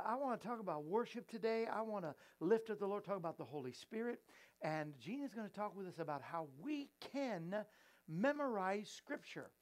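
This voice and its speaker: Guy hosting, chatty and playful, joking around with the crew. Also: high voice. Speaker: host. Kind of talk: casual chat.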